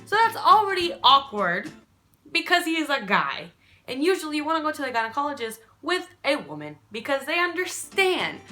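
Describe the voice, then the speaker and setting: Young woman vlogger, casual and animated, with a lively, high voice. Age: young adult. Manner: animated, casual, swears freely. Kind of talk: storytime vlog.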